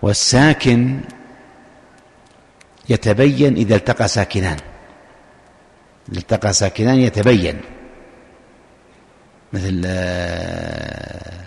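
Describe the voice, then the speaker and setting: A man's voice: fairly low pitch, measured pace, creaky, pauses often, darkish tone. A man teaching a religious lesson, explaining a text step by step, repeating key points and asking and answering his own questions. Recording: long hall reverb.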